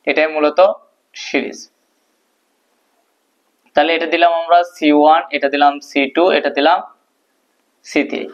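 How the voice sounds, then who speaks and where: A man's voice: fairly high pitch, a bit bright. A male teacher explaining a physics proof at a board, asking questions and answering them himself. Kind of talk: physics lesson at a whiteboard. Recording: dull lo-fi recording.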